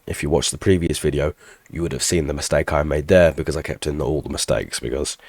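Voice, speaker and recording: A man in his thirties, congested from a cold, rambles through an update for his tech tutorial channel, correcting himself as he goes. His voice sits extremely low with a heavy gravelly fry. The recording is dry and close, with no room sound. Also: a little mellow, no echo. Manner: rambling, self-deprecating, restarts mid-sentence. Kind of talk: casual channel update with screen walkthrough.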